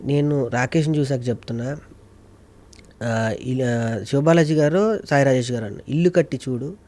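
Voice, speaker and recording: A man's voice: medium pitch, normal speed, a little mellow. A man, a mimicry artist and producer, talking emotionally and repeating himself for emphasis as an interview guest. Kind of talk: casual interview chat.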